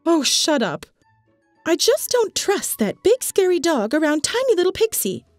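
A woman's voice: extremely high pitch, sing-song, normal speed, a little mellow, no room sound, faint music behind. A woman voicing a dim, anxious, chatty Labrador with a nervous, rambling manner in a comic dub. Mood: wary.

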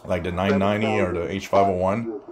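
Male reviewer, lowish pitch, casual demo, halting thinking-aloud phrasing, background radio chatter. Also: steady tone. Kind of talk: casual hands-on gadget demonstration. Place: indoors at a wooden table.

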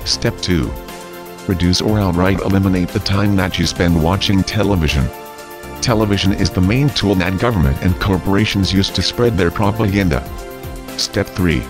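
Man, deep pitch, measured solemn narration, scripted message, music clearly behind.

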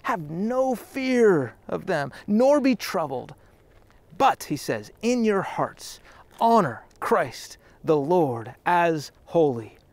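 On a dry recording, a high-pitched man with a darkish tone delivers a sermon out on a trail. The pastor, in his thirties, sounds earnest and conversational and frequently starts over mid-thought.

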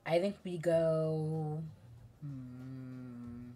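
A woman streamer reading a dating game aloud, calm when she narrates and gushing, joking and excitable when she reacts. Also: low-pitched, very slow.

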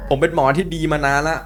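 A man giving animated, jokey commentary while playing a VR game, often addressing his viewers. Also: fairly high pitch. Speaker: gaming YouTuber. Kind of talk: playful VR gameplay commentary.

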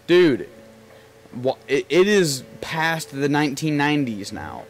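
A man's voice: fairly high pitch, big pitch swings, takes it slowly, soft background music. A young man with a lisp giving rambling, joking commentary as he plays a video game. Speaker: let's play commentator. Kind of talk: casual gameplay commentary.

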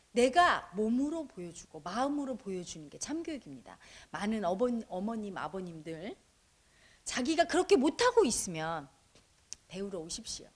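A woman's voice: medium pitch, slightly rough. A woman meditation teacher lecturing an audience, emphatic, with frequent questions to her listeners. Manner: acts out parents in quoted asides.

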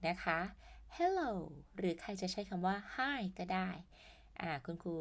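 A woman's voice: expressive, fairly bright tone. A woman with a Thai accent teaching English to young children, patiently spelling out words and sounding out each phrase. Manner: very slow, patient, spells words out and sings greetings high. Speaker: primary school English teacher. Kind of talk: slow, drawn-out worksheet lesson for young children.

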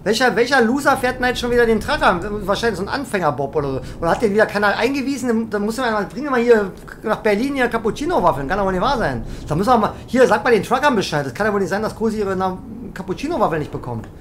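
A woman's voice: mid-range voice, big pitch swings, very fast, few pauses, a little hiss or hum. A woman streaming a truck driving game, chatting and teasing her viewers in a mock-indignant, rambling way. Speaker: gaming streamer. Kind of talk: live game commentary reading chat.

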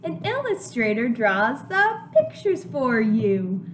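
In a home kitchen indoors, a young woman with a high, very lively voice reads a children's picture book aloud like a preschool teacher. She goes slowly, explaining things simply for little listeners, with a little hiss or hum in the background.

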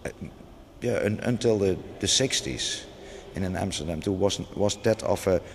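A middle-aged man whose voice sits low speaks at normal speed in an off-the-cuff interview. He's a museum curator, hesitant and prone to restarts and fillers, recorded in a large gallery with long reverb and faint noise behind him.

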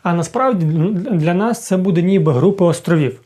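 Guy teaching english, kinda high voice, talks straight to the viewers, lots of "so?". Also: fairly quick, a little mellow. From Ukraine. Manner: talks to viewers directly, with many fillers and "так?" checks. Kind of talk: explanatory lesson, thinking aloud.

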